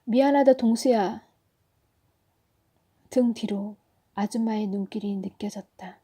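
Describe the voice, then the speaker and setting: A woman storyteller reading a children's story aloud in a soft, often whispery narration. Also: on the high side, slightly rough.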